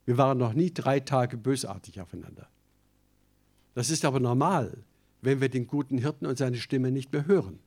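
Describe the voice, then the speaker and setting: A man's voice: mid-range voice, lively intonation, normal speed, gravelly, a little mellow. A man preaching a sermon, addressing his congregation directly and mixing emphatic declarations with conversational asides. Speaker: pastor.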